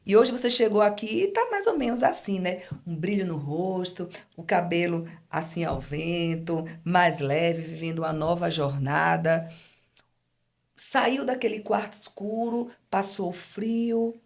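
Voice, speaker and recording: A woman host and coach leading an interview, speaking expressively and addressing the audience directly. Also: lowish voice. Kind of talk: interview conversation.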